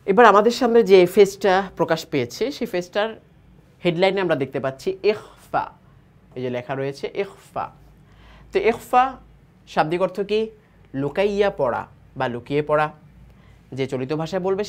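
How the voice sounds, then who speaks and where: A man from Bangladesh gives a Quran reading lesson. He spells each word letter by letter, then draws the blended word out slowly. He keeps asking quick questions and answering them himself. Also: on the high side, animated. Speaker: Quran recitation teacher.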